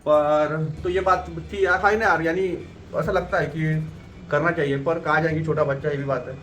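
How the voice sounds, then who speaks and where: A man's voice: on the high side, fairly even intonation, moderate pace, fairly bright tone, slight background noise. A man chatting casually at home, giving long, rambling explanations. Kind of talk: casual chat on camera.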